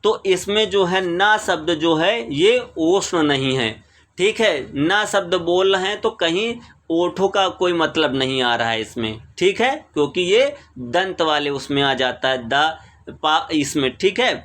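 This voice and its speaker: A man's voice: on the high side, measured pace, fairly bright tone. Hindi-speaking man explaining exam answers. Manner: repeats each question then explains answer. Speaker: teacher. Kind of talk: exam question walkthrough. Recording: screen recording voice-over.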